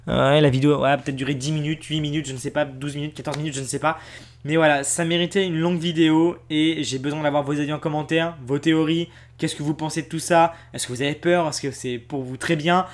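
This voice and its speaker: A man chatting to his viewers as a video host, animated and repeating himself as he rambles. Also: fairly high pitch, fast talker. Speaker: YouTube card collector host. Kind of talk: casual chat to viewers.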